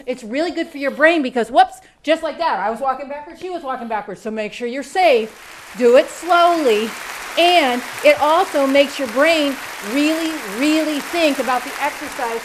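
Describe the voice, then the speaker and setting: A woman's voice: high-pitched, fairly bright tone, a little hiss or hum. A woman hosting a children's show, addressing boys and girls in an exclamatory, slightly scattered way. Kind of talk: kids' show presenting.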